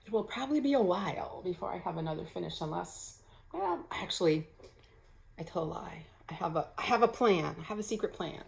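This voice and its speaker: A woman with a somewhat low voice chats casually to camera at home, showing her stitching. She rambles, filling pauses with ums and correcting herself as she goes. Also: expressive, gravelly, rough recording. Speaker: cross-stitch vlogger. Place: home, early morning.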